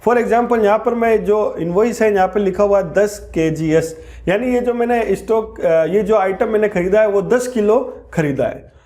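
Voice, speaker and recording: A man teaching accounting software in a screen-recorded tutorial, walking through each step and slowing down on key terms. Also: high-pitched.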